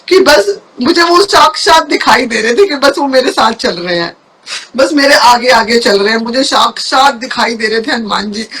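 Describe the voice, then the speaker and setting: A woman with a high, light voice tells a personal testimony as an interview guest. She speaks earnestly and often doubles her words to stress a point. Her delivery is heartfelt and conversational rather than scripted. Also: a bit bright. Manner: earnest, repeats words for emphasis. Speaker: guest telling a personal faith story.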